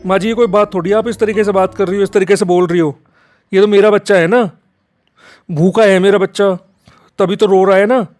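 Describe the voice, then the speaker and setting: Desperate young mother, pleading, played by a high-voiced male storyteller. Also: fairly even intonation, fairly quick, a little mellow, close to an everyday voice. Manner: pleading, defensive.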